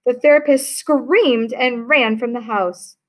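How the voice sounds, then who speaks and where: A woman reading a children's picture book aloud in a lively, expressive way. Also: on the high side, slow. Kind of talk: read-aloud storybook narration.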